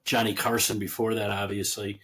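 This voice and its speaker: A guest author with a husky, slightly breathy, lowish voice talks fairly quickly in a relaxed conversational interview. He's chatty and laughs easily, often trailing off and restarting his thoughts mid-sentence.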